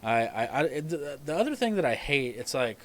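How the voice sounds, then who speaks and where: A young man in his twenties talks loosely and at length on a live stream. He swears freely, trails off into side stories and laughs often, at a mid-range pitch. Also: very animated, fairly quick, a loud crowd. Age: 20s. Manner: rambling, profane, laughs often. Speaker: podcast host. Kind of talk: casual chat.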